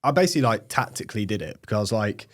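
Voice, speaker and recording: A man's voice: lowish voice, sing-song, racing. A young man from England with a British accent, chatting casually as a podcast guest and filling his talk with "like" and "um". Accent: British English. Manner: chatty, many fillers like "like" and "um". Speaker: guest, agency owner.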